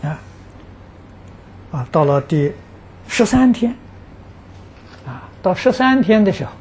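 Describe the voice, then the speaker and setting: A Buddhist teacher gives an unhurried dharma talk, answering practitioners' questions and earnestly stressing that his account is true. His pitch sits high with big swings and a slightly mellow quality, and he fills pauses with drawn-out "ah" sounds. A slight hiss or hum runs underneath.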